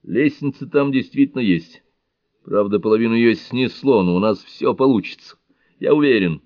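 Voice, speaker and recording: A frenzied priest bellows at the heavens in a high, strained, thundering voice and drags out every word, as a man reads him in an audiobook thriller. The recording is dry and a bit dull. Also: sing-song, no room sound, heavily acted. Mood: determined. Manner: shouting, thundering, drawn-out words. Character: frenzied half-naked male priest raging at God.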